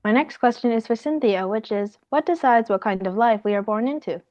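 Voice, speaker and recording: A woman's voice: a little high, animated, fairly quick, a little mellow. A young woman reading out a prepared talk as a student presenter in a class. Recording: dull lo-fi sound.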